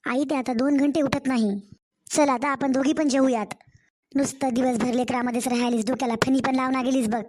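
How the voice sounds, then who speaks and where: A woman's voice: sits high, fairly even intonation, fairly quick, a little mellow. A woman voicing a weary young new mother, complaining and pleading to her own mother in a cartoon story. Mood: tired.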